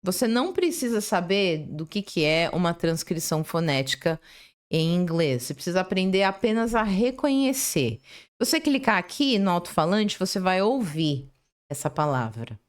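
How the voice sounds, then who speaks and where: A woman's voice: lowish voice, moderate pace. A woman English teacher giving an online lesson, talking through a screen share, often checking in with short tag questions and restarting her sentences. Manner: lively, tag questions and frequent self-restarts.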